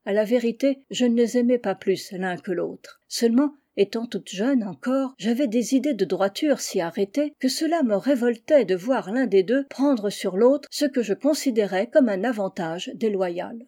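A woman narrating a classic story as an audiobook reader. Her voice is mellow and warm, with a calm, measured way of telling the tale. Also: fairly high pitch.

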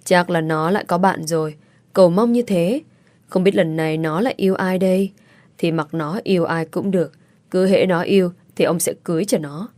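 A woman narrates a story in a steady, even reading voice. Her voice sits slightly low and sounds dry and close to the microphone. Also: moderate pace, no room sound.

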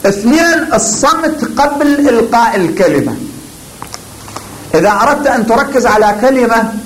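A man, a cleric, giving a religious lecture on the craft of preaching, speaking deliberately and emphatically with pauses before key words. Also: sits high, slight background noise, rough recording.

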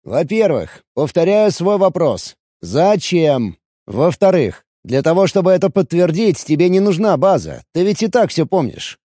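An agitated red-haired violinist, as a male reader puts him on, raised and lively in pitch, firing off pressing, sarcastic questions. The audiobook voice sits dry and close to the mic, with a mellow, darker tone underneath. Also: unhurried, no room sound. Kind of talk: audiobook dialogue reading.

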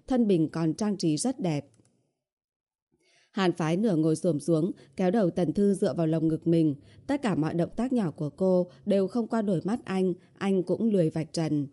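Woman narrating an audiobook, low voice. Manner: steady storytelling. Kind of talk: scripted narration.

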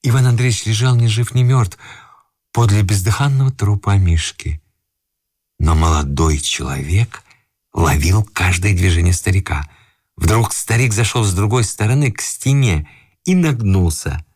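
A man reading classic literature aloud on the radio in an expressive storytelling manner. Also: lowish voice, unhurried, dry recording, studio quality. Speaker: reader. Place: radio studio.

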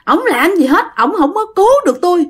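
A vengeful ghost of a young man who drowned at sea rails and wails in a high, shrill voice with a Southern Vietnamese accent, as a woman storyteller puts him on. His pitch climbs well above an ordinary speaking voice and swings widely as he accuses. The telling is that of a spoken ghost story. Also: very animated, fairly quick. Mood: accusing.

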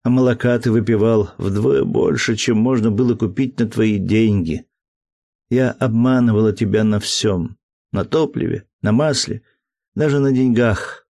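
A man's voice: lowish voice, measured pace, creaky, a little mellow. A man reading an audiobook, voicing a tender, playful young woman in love in a raised, breathless voice.

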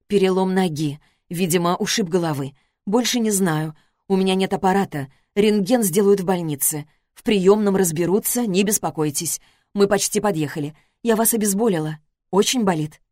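Woman voicing a brisk tired paramedic. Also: medium pitch, a little mellow, no echo, studio quality, lightly acted. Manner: brisk, reassuring. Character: tired young female paramedic.

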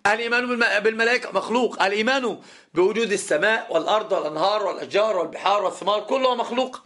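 A middle-aged man, an Islamic scholar giving a classroom lecture, emphatic and repeating key phrases, slowing down to stress points. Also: high-pitched, bright, forceful tone. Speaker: Islamic scholar teaching a lesson. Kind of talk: classroom lecture on legal theory.

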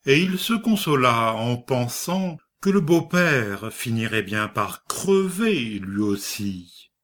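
A man reading a short story aloud as narrator, in a slow, measured way. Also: medium pitch, very animated, a bit bright. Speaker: audiobook reader.

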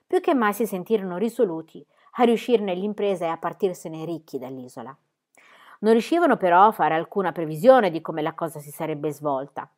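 Expressive woman reading a storybook. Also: fairly low pitch. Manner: lively, expressive narration. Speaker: reader of a children's book.

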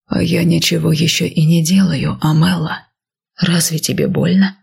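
A woman reading the lines of a possessive, commanding husband in an audiobook, low and half-whispered. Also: flat delivery, normal speed, a little mellow, full character voice. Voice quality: husky, breathy.

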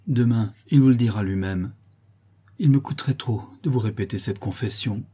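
A man's voice: lowish voice, moderate pace, breathy edge. A man doing a kind motherly woman. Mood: soothing. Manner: soothing, gently reproachful. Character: kind motherly older woman, gently scolding.

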